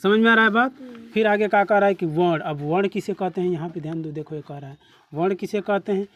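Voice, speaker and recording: A man's voice: high-pitched, quick pace. A man with a Bhojpuri accent teaching a class, who keeps asking questions back to his students. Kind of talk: classroom lesson.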